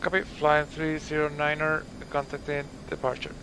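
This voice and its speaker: A man speaking as a military pilot over a muffled, distant oxygen-mask radio, making clipped, drawn-out calls. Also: a little high, monotone, noisy background.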